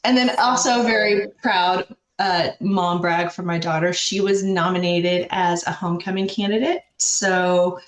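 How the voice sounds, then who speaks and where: A middle-aged woman with a hoarse, smoker-like rasp, chatting casually and candidly in a rambling, mildly salty way as a show host. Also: fairly low pitch, steady tone, a little slow. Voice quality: raspy like a chain smoker. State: hoarse from bronchitis. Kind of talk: casual chat. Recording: roomy, echoey sound.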